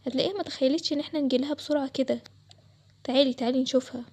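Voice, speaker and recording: Casting note: fast, high-voiced woman with an Egyptian Arabic accent, chatty role-play drama voice-over. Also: steady tone, darkish tone, slight background noise. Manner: chatty and quick, switching between several girls' voices.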